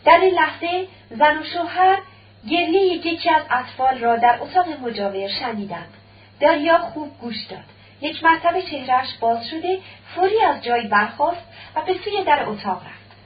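A woman narrating a dramatic radio story in a measured, expressive reading, on a dull, distant old radio recording. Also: high voice, a little hiss or hum.

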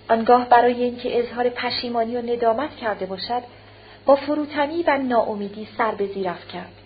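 A woman narrating an audiobook of a classic novel in a measured, formal reading, in a dull recording with a faint hum. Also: fairly high pitch. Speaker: audiobook reader.

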